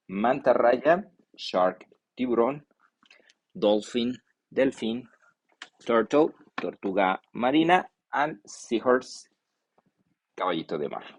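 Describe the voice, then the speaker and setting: Guy teaching english, reads words out slow one by one. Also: medium pitch, lively intonation, a little mellow. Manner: mixes Spanish and English, slow deliberate vocabulary drills. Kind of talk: online class lecture.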